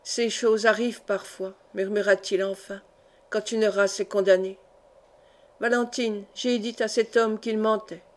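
A woman's voice: medium pitch, steady tone, unhurried, natural voice. A woman voicing a proud, stern old Breton count, reading him in a solemn, grave way close to her own voice. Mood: anguished.

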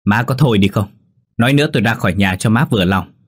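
Một người đàn ông giọng khàn, giọng miền Nam, lồng tiếng một gã trai trẻ say xỉn, lè nhè và ngang ngược. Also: male voice, lowish voice, quick pace, slightly rough. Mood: belligerent. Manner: slurred, defiant shouting. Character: drunk, belligerent young man, slurring.

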